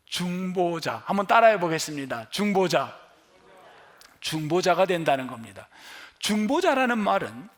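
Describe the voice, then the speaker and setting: Male pastor, middle-aged, lively sermon delivery, high voice that rises and falls widely, quizzes his congregation. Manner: animated, questioning the congregation and answering himself.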